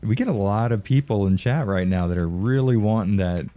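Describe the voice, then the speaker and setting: Male game streamer, low mellow voice, loose profane chat with viewers. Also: a little fast, soft background music. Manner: profane, rambling, laughs often. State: tired from no sleep. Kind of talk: casual live-stream chat.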